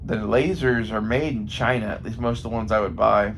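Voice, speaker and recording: Gravelly and on the low side, an American man speaks fairly quickly with fairly even intonation in a casual, rambling monologue, thinking aloud and swearing freely. He is a gun hobbyist vlogger, recorded with faint ambient noise in the background.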